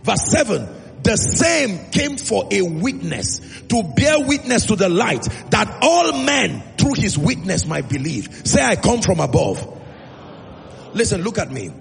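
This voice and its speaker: A man's voice: high voice, sing-song, vocal fry. A Nigerian man preaching a sermon, emphatic, calling out to the congregation and drawing out key phrases. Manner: emphatic, call-and-response, drawn-out phrases. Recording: reverberant hall with music.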